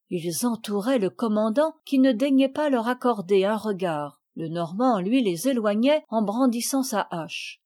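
A woman narrating a children's novel as an audiobook reader, in a measured, expressive way. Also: a little high.

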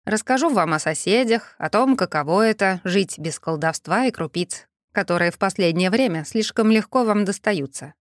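A woman voicing a calm, composed older male magister who speaks with dry, polite irony in an audiobook. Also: mid-range voice, moderate pace, hardly any pauses, dry recording, close to an everyday voice. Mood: dryly ironic. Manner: unruffled, dryly ironic.

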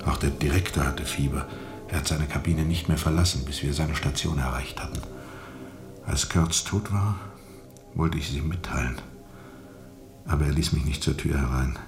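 An actor playing a haunted sea captain in a radio drama, brooding and intense, moving between whispers and forceful declamation. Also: male voice, very deep voice, normal speed, long pauses, music in the background. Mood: restless recounting. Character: haunted, feverishly intense sea captain recounting a jungle ordeal. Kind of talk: German radio drama monologue.

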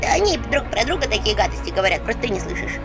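A woman voicing a small, fluffy female imp who frets and squeaks her anxious, chatty pleas. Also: sing-song, racing. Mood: fretful, squeaky. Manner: squeaky, fretful, rising pleas. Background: background music.

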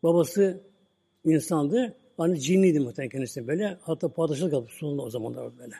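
A male preacher retelling a story at a relaxed pace and tagging lines with the same filler word as he goes. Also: on the high side, quick pace, gravelly, husky. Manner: relaxed retelling, "böyle" at line ends. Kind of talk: religious talk with storytelling. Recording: long hall reverb.

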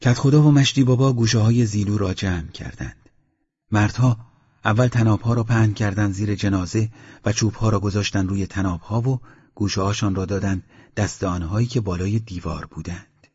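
A man narrating an audiobook story in a steady, measured way, on a dull lo-fi recording. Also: lowish voice, breathy edge. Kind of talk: scripted narration.

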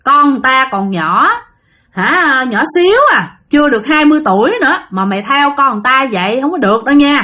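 Woman doing gruff old male healer, scolding, commanding, raised high loud voice. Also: animated, moderate pace.

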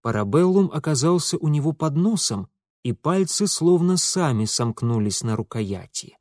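A man narrating a novel as an audiobook, in a measured storytelling manner. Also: a little high, big pitch swings, a little mellow, no room sound, clean studio sound. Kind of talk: scripted narration.

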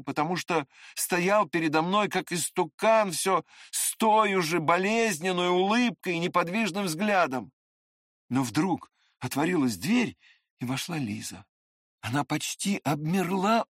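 A reader narrating a classic novel in expressive, scripted audiobook style. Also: mid-range voice, a little slow, no room sound, studio quality.

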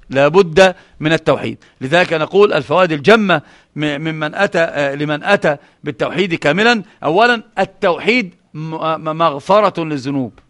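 Bright-voiced man teaching doctrine. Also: a little high. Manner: questions the audience and answers himself; many restarts and repeated words. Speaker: Islamic scholar teaching a book. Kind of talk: religious lesson with Quran recitation.

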